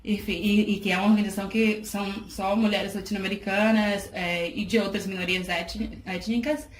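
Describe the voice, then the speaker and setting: A woman's voice: medium pitch, level tone, a little fast. A woman in her thirties from Salvador, Brazil, giving a thoughtful interview with frequent restarts. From Salvador, Bahia, Brazil. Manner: thoughtful, many fillers and restarts, laughs easily. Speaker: guest, charity project worker. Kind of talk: casual interview talk. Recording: echoey room, faint noise.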